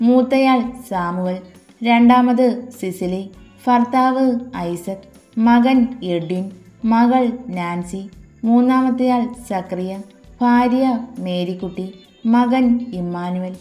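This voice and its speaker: A woman voicing a stern old grandmother who rules the family, speaking firmly and a little lower than her narration, in an echoey room. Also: slow, dark tone. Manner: firm, commanding. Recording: echoey room, faint music.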